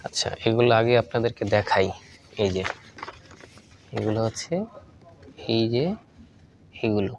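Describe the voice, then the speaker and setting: A man's voice: fairly low pitch, a little slow, long pauses, highs cut off, a little hiss or hum. Man reciting syllable drills. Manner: steady list-like recitation of syllables. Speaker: Korean language student. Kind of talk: reading Korean syllable drills aloud.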